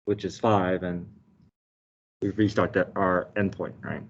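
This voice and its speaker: Speaking low, level, and at a measured pace, a math teacher explains a lesson step by step, frequently checking in with short tag questions such as "okay" and "right". He sits indoors at a desk with a document camera. His online lesson sounds dull and slightly muffled.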